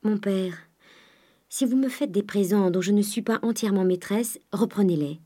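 A woman voicing a quietly defiant daughter of twenty-two who answers calmly, respectfully and firmly. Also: medium pitch, normal speed, husky, close to an everyday voice. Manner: calm, respectful but firm.

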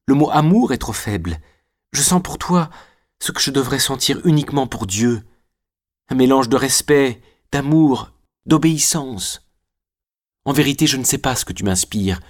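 A man's voice: mid-range voice, voice pushed up, lightly acted. A man voicing a tearful, devoted noblewoman torn between faith and love in an audiobook, pleading with emotion.

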